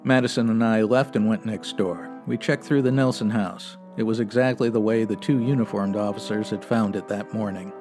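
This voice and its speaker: In a comedy audio drama, an actor plays a stoic, no-nonsense 1950s police sergeant, narrating in a clipped, matter-of-fact radio detective style. His voice sits on the low side with fairly even intonation, moving at normal speed with hardly any pauses, and the delivery is lightly acted, flat, and factual over background music.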